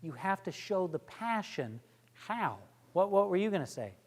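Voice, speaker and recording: A man presenting a workshop, energetic and joking, quizzing his audience as he teaches. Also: sits high, moderate pace. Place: lecture room with audience. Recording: long hall reverb.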